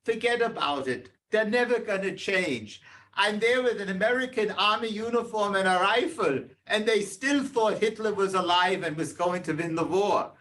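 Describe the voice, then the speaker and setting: A man's voice: sits high, moderate pace, a bit bright, pitched above the performer's own voice. Blunt, emphatic older soldier father, quoted by a man in a raised voice.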